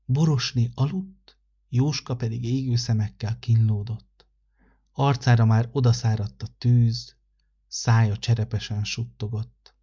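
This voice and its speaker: Husky-voiced male storyteller, calm measured reading, dull lo-fi recording. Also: mid-range voice. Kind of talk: read-aloud children's story.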